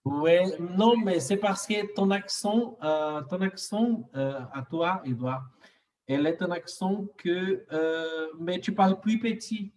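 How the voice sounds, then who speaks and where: A male student and conversation partner whose first language is Spanish or another Latin language speaks English, learned as an adult, with a Latin accent. His casual talk is halting and full of fillers, his voice sits high and a little mellow, and he is a bit far from the mic.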